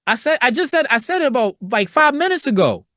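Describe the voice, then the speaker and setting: A man's voice: very high-pitched, big pitch swings, fast talker, a bit bright, dry recording, clean studio sound. A middle-aged man from Virginia hosting a solo podcast, talking loosely and profanely in slang and acting out quoted voices along the way. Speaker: podcast host.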